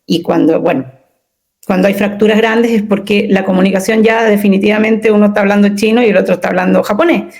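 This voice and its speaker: A woman speaking as a communication consultant in an interview, expressive and emphatic, often asking rhetorical questions. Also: medium pitch, fast talker. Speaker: communication consultant and workshop leader. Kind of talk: interview conversation.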